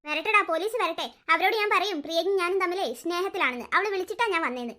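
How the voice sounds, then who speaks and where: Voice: extremely high pitch, fast talker, sharp tone. A performer voicing a heartbroken, stubborn young man who sobs and insists on seeing his girlfriend. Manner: sobbing, pleading, insistent.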